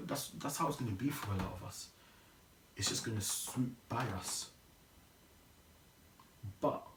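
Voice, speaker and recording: A man hosting a casual motivational podcast, earnest and encouraging, often restarting his sentences. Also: fairly low pitch. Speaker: podcast host. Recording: echoey room, distant mic, noisy.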